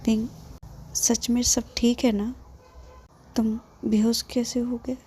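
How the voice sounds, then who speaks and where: Woman voicing a gentle injured young man. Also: fairly high pitch, flat delivery, slow, slight background noise. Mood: concerned.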